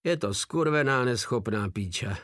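A man's voice: animated, fairly bright tone, no echo, studio quality, natural voice. A man doing a rowdy mock-formal soldier. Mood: scornful. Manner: mock-respectful, jumpy pitch.

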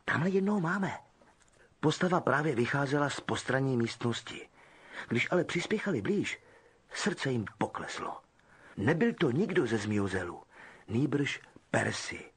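A man narrating an audiobook with expressive storytelling. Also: mid-range voice, slightly rough. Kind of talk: scripted narration.

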